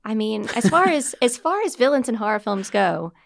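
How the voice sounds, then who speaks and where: A woman's voice: a little high, very animated, normal speed, creaky. A woman in casual conversation as a panellist discussing films. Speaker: podcast panellist. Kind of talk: casual chat.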